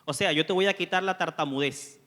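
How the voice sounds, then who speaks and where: A man preaching a sermon, his voice pitched high for a man and bright in tone. He preaches in an animated way and acts out the dialogue of the scripture he retells. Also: brisk. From Colombia. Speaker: associate pastor.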